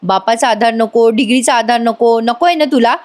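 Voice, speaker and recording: A woman voicing a stern, cruel father who taunts his daughter slowly and coldly, in a retold serial scene. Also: on the high side, darkish tone, close to an everyday voice. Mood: cold, taunting. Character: stern cruel middle-aged father, cold and mocking.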